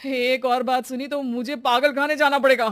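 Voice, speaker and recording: A man's voice: extremely high pitch, level tone, normal speed, a bit bright, clean tone, no echo, studio quality. A man playing an exasperated, theatrical householder in a comedy cartoon, complaining as if he is being driven mad. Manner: complaining, melodramatic. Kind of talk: exaggerated Hindi cartoon comedy acting.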